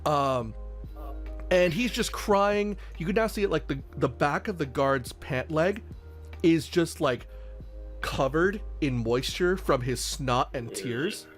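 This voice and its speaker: A man narrating as game master in a tabletop game, rambling along with lots of ums and likes. His voice sits a little high for a man, with faint music behind him. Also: animated, takes it slowly.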